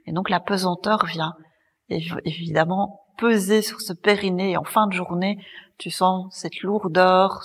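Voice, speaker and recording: Calm breathy woman guiding a yoga class. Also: lowish voice, long reverb tail. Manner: calm, gently guiding, cueing breath and movement. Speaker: yoga teacher. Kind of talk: guided yoga class instruction. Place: yoga studio.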